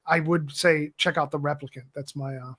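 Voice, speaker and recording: Higher-voiced man in rambling film chat. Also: steady tone, normal speed, a bit bright. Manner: rambling, with many "like" fillers. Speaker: podcast co-host.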